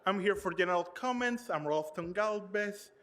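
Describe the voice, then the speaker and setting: High-voiced man pleading at a council podium. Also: normal speed, a bit bright. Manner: plain-spoken, pleading. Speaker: tenant giving public comment. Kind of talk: public comment. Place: city council chamber.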